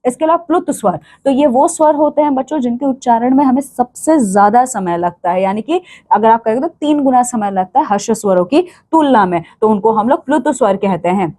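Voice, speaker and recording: A woman's voice: a little high, expressive, fairly quick, dark tone. A woman teaching a grammar lesson to children, patiently explaining each point and checking in with "okay" after each one.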